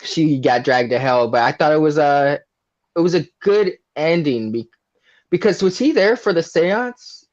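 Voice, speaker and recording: A man's voice: fairly high pitch, animated, a little slow, dull audio. A man as a guest on a casual movie review podcast, laid-back and rambling, laughing often.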